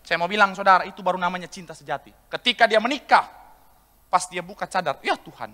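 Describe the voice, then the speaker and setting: A man preaching a lively, joking sermon to his congregation, acting out husbands and wives in comic asides. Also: sits high, fast. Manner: joking, acts out couples' voices, addresses congregation as saudara. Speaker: pastor. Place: large church hall, live service. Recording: live church recording with long hall reverb.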